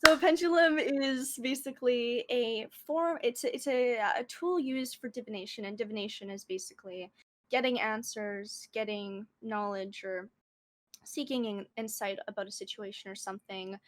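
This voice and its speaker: Female streamer guest, young adult, casual and slangy, fairly high voice, recorded dry. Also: fairly even intonation, normal speed, a bit bright, no echo. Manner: informal, slangy. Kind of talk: casual chat. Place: small room at home.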